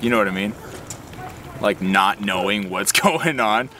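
A man's voice: on the low side, animated, unhurried, recorded from a distance, noisy background. A former Marine, now a father, talking in a subdued, casual way with some cursing. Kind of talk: casual conversation.

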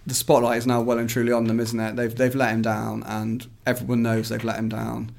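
A man's voice: medium pitch, completely flat delivery, fairly quick, vocal fry, darkish tone. A man co-hosting a casual football podcast, often stumbling and repeating words as he starts sentences. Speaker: podcast co-host.

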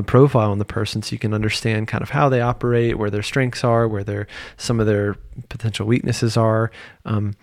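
A man's voice: fairly low pitch, darkish tone, no room sound, clean studio sound. A man hosting a podcast, talking casually and thinking aloud, with frequent fillers and restarts. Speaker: podcast host.

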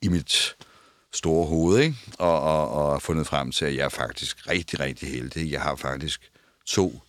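Older male guest, casual chat, stammers and restarts, very deep voice, dry studio mic. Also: a bit bright, dry recording. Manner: stammering, repeats words and restarts. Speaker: interview guest. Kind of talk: casual conversation. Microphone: headphones and studio mic.

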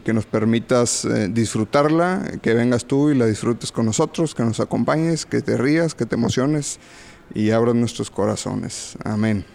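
A man co-hosting a podcast, opening with an earnest prayer in a halting, filler-laden manner. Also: medium pitch, gravelly, a little mellow. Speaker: podcast co-host.

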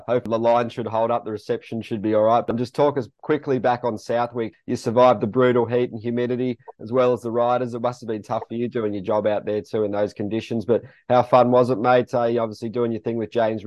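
Fast-talking man with a broad Kiwi accent. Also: medium pitch, a little mellow, no room sound, dull audio. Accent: New Zealand. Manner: chatty, informal, matey. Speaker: podcast host. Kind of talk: motocross podcast interview.

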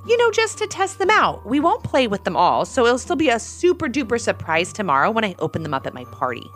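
An eager young boy on the eve of his birthday, told by a woman reader. His high voice bounces about with excitement, a little sneaky. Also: fairly quick, faint music behind.

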